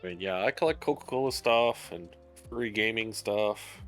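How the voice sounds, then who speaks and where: A man with a low voice rambling casually, like a streamer chatting. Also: normal speed, faint music behind.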